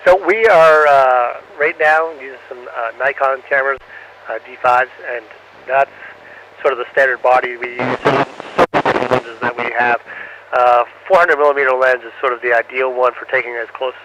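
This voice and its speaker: Over a breaking-up radio link from the space station, muffled and lightly staticky, an astronaut answers students. His mid-range voice is steady with a sharp tone. He halts often, uses plenty of fillers, and ends each answer with "over".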